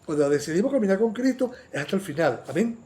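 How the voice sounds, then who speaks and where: High-voiced man teaching a Bible study. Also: fast talker. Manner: animated, often asks the listeners "sí o no"; acts out quoted lines in a raised voice.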